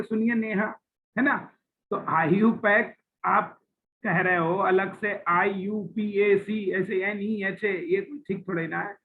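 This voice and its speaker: High-voiced guy teaching chemistry, asks the class questions, tinny lo-fi sound with a bit of background hum. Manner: explains with homely examples and asks the class questions; addresses students as "beta ji". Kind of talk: classroom lecture. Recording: tinny phone-like recording with faint ambience.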